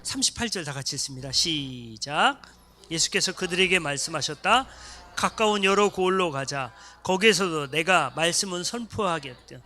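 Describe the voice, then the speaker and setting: A man's voice: on the high side, normal speed. A man preaching as pastor of a church, acting out little voices of people in his stories. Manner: animated, acts out voices of congregants and students. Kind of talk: sermon. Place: church sanctuary.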